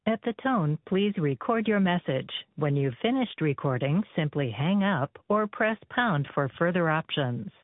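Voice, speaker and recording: A woman's recorded answering machine greeting played down a phone line, giving measured, formal instructions. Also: lowish voice, expressive, no echo. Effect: answering machine greeting played over a phone line. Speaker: automated voicemail prompt. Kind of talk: scripted recorded announcement. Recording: tinny dry phone line.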